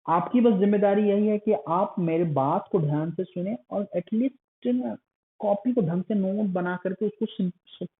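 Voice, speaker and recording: A man's voice: sits high, a little slow. A male math teacher giving an online lecture, in terms, coaxing and scolding his students like a strict elder. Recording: phone-like lo-fi recording.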